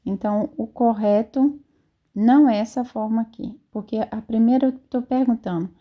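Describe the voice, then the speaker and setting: A woman with a Brazilian Portuguese accent, a native Portuguese speaker, teaching French in a casual spoken lesson, patiently repeating example phrases slowly. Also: on the high side, muffled recording.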